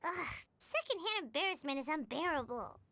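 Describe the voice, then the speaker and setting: Squeaky, very high childlike fairy. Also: female voice, big pitch swings, moderate pace, sharp tone, no echo, exaggerated voice. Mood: whiny, exasperated. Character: tiny childlike fairy companion, whiny, outspoken, cheeky. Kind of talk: video game voice acting.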